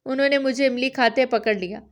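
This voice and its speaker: Woman reading a teasing, fretful young wife, light and a touch high, audiobook style. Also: steady tone, natural voice. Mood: flustered.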